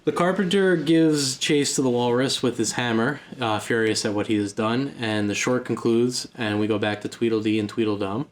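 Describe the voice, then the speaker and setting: A podcast co-host calmly recapping a film's plot in a casual chat. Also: medium pitch, moderate pace, hardly any pauses. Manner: steady summarizing narration.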